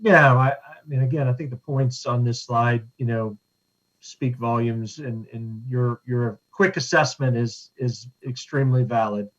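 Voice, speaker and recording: A man of middle pitch speaks earnestly as a webinar panelist, his sentences halting and full of fillers. The call audio sounds dull and lo-fi. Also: fairly even intonation. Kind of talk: conversational commentary.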